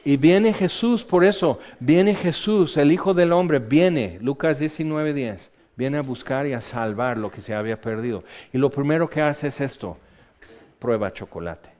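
A middle-aged man preaching a sermon, animated and humorous, swinging between loud and quiet. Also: fairly high pitch, moderate pace. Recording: slightly dull lo-fi sound.

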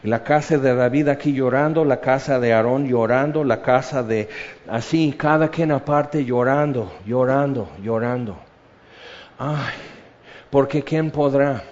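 A man's voice: mid-range voice, a little slow. Passionate preacher man, muffled recording. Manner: passionate, swings from loud emphasis to hushed intensity; rhetorical questions and repetition. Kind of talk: sermon. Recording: dull lo-fi sermon recording.

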